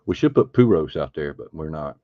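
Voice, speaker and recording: A man with a very deep voice hosts a live trading card break, talking loosely as he sorts through packs. The sound is dry and close, with a slightly dull, lo-fi tone. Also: expressive, a little fast, no room sound. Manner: chatty, thinks aloud while opening card packs. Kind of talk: casual live stream chat.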